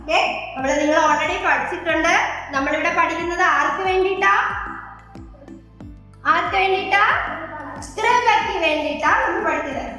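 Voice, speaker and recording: Very high, bright sing-song teacher, echoey. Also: female voice, normal speed, pauses often. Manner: sing-song, coaxing questions to children. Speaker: abacus teacher. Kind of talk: classroom teaching with children. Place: classroom with children. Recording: very echoey room with faint music.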